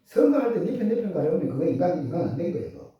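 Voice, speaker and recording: A man's voice: sits high, sing-song, very fast, lo-fi sound. A man preaching a sermon, full of rhetorical questions to the congregation. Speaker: pastor. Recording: echoey church hall from far off.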